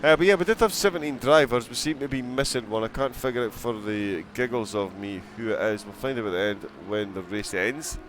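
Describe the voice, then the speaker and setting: A man's voice: mid-range voice, brisk, few pauses, noisy background. A man commentating a live sim-racing broadcast, chatting and giggling as he reacts to viewers' chat between race calls.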